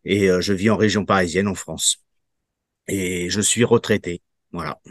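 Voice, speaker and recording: A Portuguese man in his fifties gives a testimonial as a program participant, answering interview questions haltingly with many fillers and restarted sentences. His lowish voice keeps a steady tone, recorded close and dry with no room sound.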